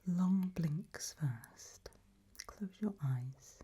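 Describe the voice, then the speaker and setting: Whispered role-play, woman playing undead female guide, husky breath-heavy whisper, unhurried, gentle, patient, eerie, soft instruction. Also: on the low side, lively intonation, full character voice. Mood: patient, coaxing. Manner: slow, patient, softly instructing.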